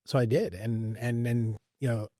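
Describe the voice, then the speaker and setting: A man's voice: mid-range voice, steady tone, moderate pace, mellow, dry recording, clean studio sound. A man in his forties with a Central Pennsylvania accent, a guest coach reflecting in a podcast interview, with many fillers and repeated words. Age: 40s. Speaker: guest, wrestling coach and teacher. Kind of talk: conversational interview.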